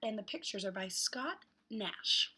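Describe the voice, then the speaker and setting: This is a female read-aloud host sharing a picture book with young children, her mid-range voice moving a little slowly against some background noise. She punches certain words with dramatic, animated emphasis.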